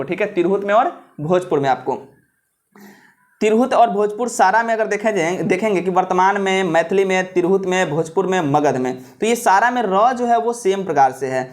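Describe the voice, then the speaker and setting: A man teaching an old script, repeating himself and checking in with the listener often. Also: high-pitched. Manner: repetitive, checks in with "ठीक है" often; slows down to spell out letters. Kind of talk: classroom-style script lesson.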